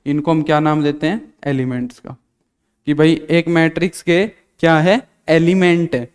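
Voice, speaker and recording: A man's voice: a little high, fairly even intonation, normal speed, clear, resonant tone, in a large hall. A male maths teacher giving a live online lesson, drilling students with repeated questions and answers. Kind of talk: live online class lecture.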